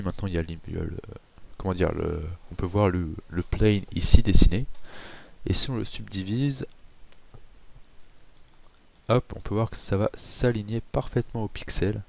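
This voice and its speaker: A man hosting a casual software tutorial, chatty with self-mocking asides and frequent hesitations. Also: deep voice, creaky. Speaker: tutorial host.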